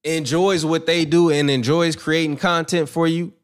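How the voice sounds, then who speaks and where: A man's voice: fairly high pitch, flat delivery, moderate pace. A brash young man hosting a boxing commentary channel, giving his opinions in a rambling, profane, self-assured way. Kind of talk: casual opinion monologue.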